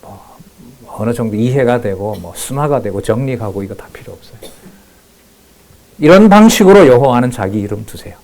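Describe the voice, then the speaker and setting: A male pastor giving a sermon, moving between calm scripture reading and loud, emphatic remarks. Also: mid-range voice, normal speed.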